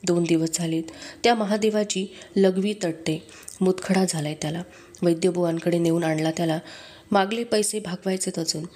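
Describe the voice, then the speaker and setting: A woman's voice: on the low side, fairly even intonation, normal speed, a little mellow, natural voice. A woman reading the part of a poor, bitter wife in a storybook reading, speaking in a reproachful, scolding way. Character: poor, sharp-tongued wife, worn down and bitter.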